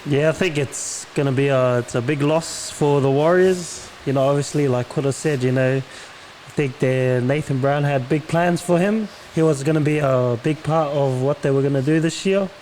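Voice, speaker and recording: A man's voice: a little high, moderate pace, darkish tone, low-quality recording. A man giving casual sports opinions as a panelist, in loose conversational phrasing. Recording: slight background noise.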